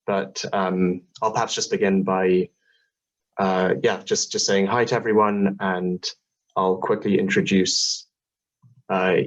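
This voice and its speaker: A man's voice: low voice, lo-fi sound. A man moderating a student video call, opening hesitantly with many fillers and restarts.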